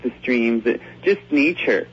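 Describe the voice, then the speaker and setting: Calm man on a phone line. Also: medium pitch, slight background noise. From Canada, raised in Australia. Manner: calm, deliberate, many hesitations. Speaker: guest. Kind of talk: radio interview by phone.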